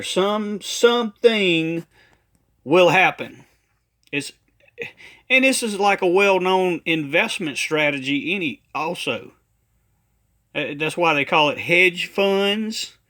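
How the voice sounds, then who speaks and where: Speaking in a rather high, fairly bright voice, a ministry man gives a critical monologue of commentary. He's emphatic and deliberate, restating his points again and again.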